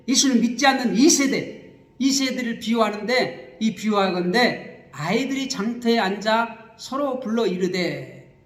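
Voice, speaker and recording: A man preaching a sermon as pastor, explaining scripture with lively repetition and acted-out wailing, recorded in a church. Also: very high voice. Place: church sanctuary. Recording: echoey church hall.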